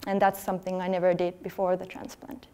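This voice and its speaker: A woman, giving an earnest, conversational talk at a conference, now and then pausing over her words. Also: fairly low pitch, completely flat delivery, mellow, clean tone. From Finland. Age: 30s. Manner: earnest, conversational, slightly halting. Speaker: athlete speaking at a workshop. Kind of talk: conference presentation. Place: conference hall.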